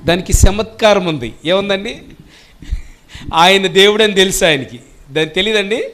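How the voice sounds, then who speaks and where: A man's voice: high-pitched, moderate pace, a bit bright. A man preaching a sermon as pastor, constantly asking questions of the congregation and answering them himself. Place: church service.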